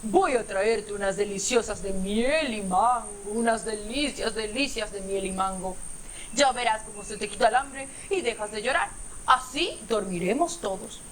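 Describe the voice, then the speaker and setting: A woman voicing a big, kindly bear who speaks slowly and soothingly. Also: a little hiss or hum, natural voice, low-quality recording. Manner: slow, low and soothing.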